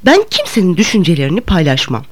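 A woman's voice: fairly low pitch, huge pitch swings, quick pace. A woman voicing a curt, haughty young man. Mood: condescending. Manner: curt, condescending. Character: blunt, haughty young man, dry and condescending. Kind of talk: audiobook reading.

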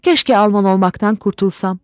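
A woman's voice: mid-range voice, normal speed, darkish tone, dry recording, lightly acted. A woman voicing a heartbroken, drunk middle-aged German husband who rants and sobs in a storybook reading. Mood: gushing. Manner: sobbing, ranting, then gushing.

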